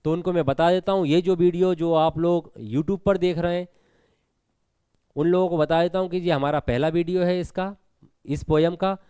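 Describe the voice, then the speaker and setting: A man's voice: on the high side, steady tone, moderate pace, dark tone, smooth, no echo. A man teaching an exam preparation lesson with a Hindi accent, explaining step by step and asking students questions. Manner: explanatory, repeats points, asks students questions.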